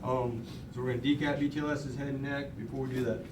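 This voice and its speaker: A man's voice: medium pitch, little pitch movement, fast. Paramedic trainee man, roomy distant recording. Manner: paramedic manner, reciting procedural steps aloud. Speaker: paramedic trainee taking a practical assessment. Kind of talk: spoken paramedic patient-assessment drill. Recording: roomy, distant mic with clear background noise.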